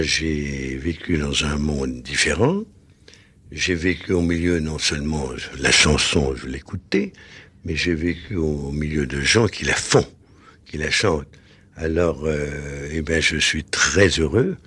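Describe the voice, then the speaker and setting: A man's voice: a bass voice, unhurried, a bit bright, breathy edge, dry recording. A man speaking as a guest author in a radio interview, genial and reflective.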